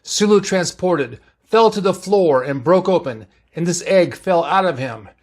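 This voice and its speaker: A man voicing a gruff middle-aged male ship's engineer who speaks urgently and emphatically. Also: high voice, animated, a little slow, darkish tone, pitched above the performer's own voice.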